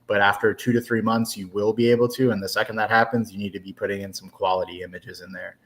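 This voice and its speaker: A man's voice: lowish voice, flat delivery, fast talker, fairly bright tone. A man giving a casual, conversational explanation in a business webinar. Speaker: marketing presenter.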